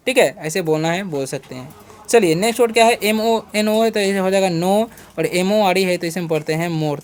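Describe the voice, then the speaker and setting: Male teacher-host, beginner English lesson: patient and repetitive, spells words out, asks and answers his own questions, keeps checking "okay". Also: high voice. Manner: asks rhetorical questions and then answers them; fills pauses with a checking "okay".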